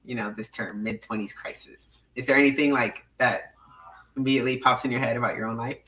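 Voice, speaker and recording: A young woman in her twenties hosts a casual podcast, talking in a chatty, giggly way full of fillers. Her voice is bright and forward. She sounds a bit distant from the microphone. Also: extremely low pitch, steady tone, fairly quick. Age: 20s. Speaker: podcast host.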